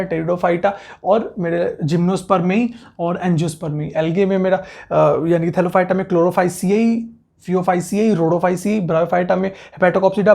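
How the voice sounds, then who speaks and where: A man teaching a biology class in Hindi and English, briskly repeating terms for students to memorize. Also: sits high, gravelly, darkish tone. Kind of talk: classroom lecture.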